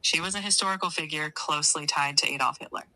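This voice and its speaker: A woman's voice playing a polite AI chatbot assistant that answers questions calmly and informatively. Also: low voice, fast, no echo, poor audio. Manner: calm, informative, agreeable. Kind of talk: synthetic assistant voice.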